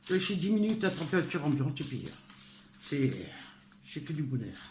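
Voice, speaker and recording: An older northern French home cook talks to the viewer in a low, sing-song voice at a moderate pace, homely and chatty, with frequent hesitant fillers. The casual tutorial is recorded in an echoey, noisy kitchen with cutlery, pots and dishes clattering.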